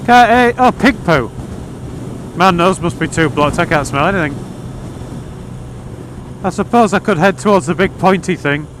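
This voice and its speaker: A motorcycle vlogger with an English accent chats casually over his helmet intercom mic while riding outdoors, rambling a bit with dry, jokey humour. His voice is high and lively in intonation, at normal speed with long pauses. Loud wind, engine and road noise fill the recording.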